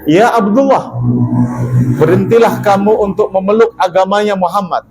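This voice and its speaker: A man's voice: sits high, moderate pace, music in the background, voice pushed up, low-quality recording. A male preacher voicing a proud Roman emperor who bargains with a captive, in sermon storytelling. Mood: commanding. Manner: commanding, tempting offers.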